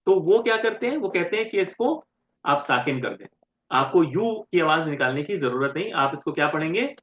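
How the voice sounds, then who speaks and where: Lively male teacher quizzing his class. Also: on the high side, a little hiss or hum. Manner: keeps checking with "right?" and quizzing students; spells out syllables slowly and repeats them. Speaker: Arabic grammar teacher. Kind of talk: classroom lecture. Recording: roomy and dull, lo-fi.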